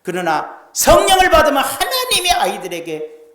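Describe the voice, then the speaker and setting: A male pastor preaching a Sunday sermon in a lively, folksy way, swinging from loud declarations to hushed asides. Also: very high voice, normal speed. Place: church sanctuary. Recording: roomy church sanctuary echo.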